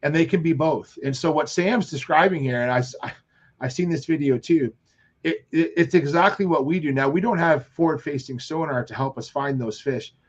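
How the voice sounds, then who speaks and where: A man on a live fishing show, telling long rambling stories with animated quoted asides. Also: fairly high pitch, normal speed, lo-fi sound. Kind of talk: casual chat on live show.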